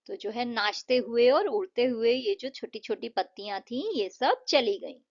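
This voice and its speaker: A woman teaching English in Hindi. She explains a poem line by line, fills pauses with "jo hai", and keeps checking with "right?". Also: on the high side, lively intonation, muffled recording.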